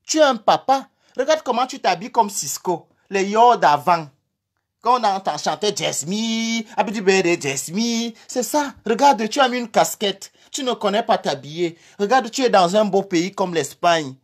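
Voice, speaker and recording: A man's voice: sits high, expressive, normal speed. A man with a Cameroonian French accent ranting on a livestream in a mocking, insulting way, repeating his jabs and delivering them in a honeyed tone. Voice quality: honeyed, sweet-toned insults. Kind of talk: livestream rant.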